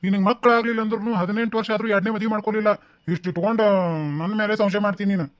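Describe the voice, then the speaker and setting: Sly cartoon landlord, North Karnataka accent, rapid-fire coaxing, dry close sound, man voicing him. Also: sits high, dry recording, close to an everyday voice. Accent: North Karnataka Kannada. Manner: coaxing, flattering, evasive. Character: doting, sly village landlord husband. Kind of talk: cartoon voice acting.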